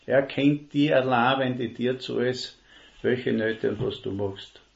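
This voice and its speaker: A man preaching a sermon, earnest and emphatic, slowing down to stress key words. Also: medium pitch, vocal fry. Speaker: lay preacher. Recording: dull lo-fi recording.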